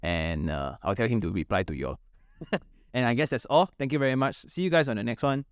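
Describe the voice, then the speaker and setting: A man's voice: mid-range voice, animated, quick pace, no room sound, studio quality. A man with a Malaysian accent hosts a casual podcast chat, talking in colloquial English full of local particles and slang. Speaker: podcast host.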